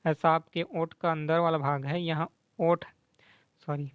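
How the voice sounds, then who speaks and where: Slow, patient grammar teacher, man. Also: a little high, flat delivery, clear, resonant tone, no echo, phone-quality sound. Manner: slow, repetitive, checks in with "है ना?"; mixes English words into Hindi explanation. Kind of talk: explaining quiz answers to students.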